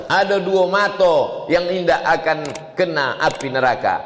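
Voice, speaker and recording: Male preacher, lively comic sermon, echoey mosque hall, long reverb. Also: measured pace, noisy background. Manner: animated storytelling, jumps high for comic voices. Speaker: Islamic preacher. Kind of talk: humorous sermon.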